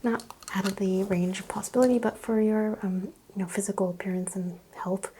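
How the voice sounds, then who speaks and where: A woman whispering softly and calmly as a doctor in an ASMR roleplay exam, giving gentle clinical instructions close to the mic. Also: medium pitch, fairly quick, slight background noise, low-quality recording. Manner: soft, calm, clinical bedside whisper.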